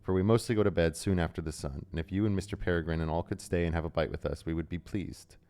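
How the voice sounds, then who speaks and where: A gruff, kindly old hobbit farmer speaking in a low, smooth drawl, as a male reader puts him on. He sounds plain and homely, like a storybook country host. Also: steady tone, fast, dark tone, lightly acted. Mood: hospitable.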